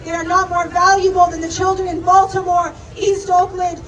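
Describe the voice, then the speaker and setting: A young woman gives an impassioned, emphatic protest speech at a crowded outdoor rally, repeating phrases for emphasis. Her very high-pitched voice has a flat delivery and a slightly fast pace. She is far from the mic, the highs are cut off, and loud street, crowd, and vehicle noise fills the background.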